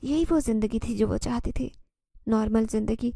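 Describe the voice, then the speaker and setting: A woman's voice: fairly high pitch, vocal fry, warm tone, no echo, studio quality. A woman storyteller giving a suspenseful, scripted narration of a horror story.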